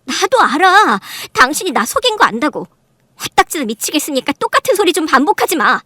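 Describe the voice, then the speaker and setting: A woman's voice: fairly high pitch, animated, brisk, darkish tone, no room sound, clean studio sound, close to an everyday voice. A woman playing a betrayed wife who narrates her story, fierce and accusing in a radio drama. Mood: furious. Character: furious betrayed young wife, sharp-tongued.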